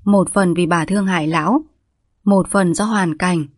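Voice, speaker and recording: A woman reading a story aloud as a calm, measured storyteller. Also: fairly low pitch, no room sound, clean studio sound. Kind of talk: scripted narration of a story.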